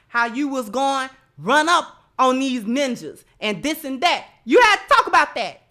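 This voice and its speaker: With a high, sharp-toned voice, this American livestream host delivers her opinions informally, leaning on emphasis and repetition to press each point.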